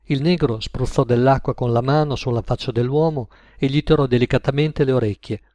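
A man narrates an audiobook story in a steady, measured way. His voice sits mid-range and the recording is close and dry, with no room around it. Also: medium pitch, no room sound.

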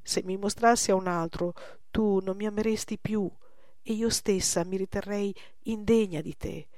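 A woman's voice: mid-range voice, fairly even intonation, moderate pace, darkish tone, dry recording, studio quality, lightly acted. Give me an earnest, spirited young woman in love, read by a woman. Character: young woman, proud and devoted lover.

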